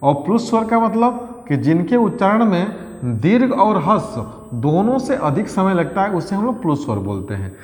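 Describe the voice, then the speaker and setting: A man's voice: high-pitched, very animated, moderate pace. A male teacher giving an exam-prep grammar lesson, repeating key phrases and quizzing his pupils as he goes. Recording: echoey room with long reverb.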